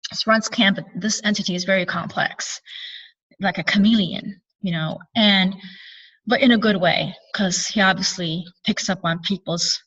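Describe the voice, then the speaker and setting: A woman's voice: mid-range voice, moderate pace, fairly bright tone, husky. A woman recounting a spiritual experience in an earnest, meandering way, often correcting herself. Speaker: spiritual channeler and speaker. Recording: distant, dull lo-fi sound.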